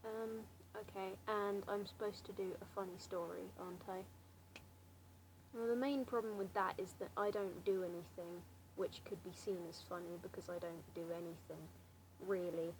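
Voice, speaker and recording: A seventeen-year-old from Slough, England, with a southern English accent and an average pitch for a woman, speaks in a clearly noisy amateur recording. She's a vlogger answering a challenge, chatting to camera in a casual, hesitant ramble with a wry, self-deprecating manner. Her tone stays steady and her pace moderate.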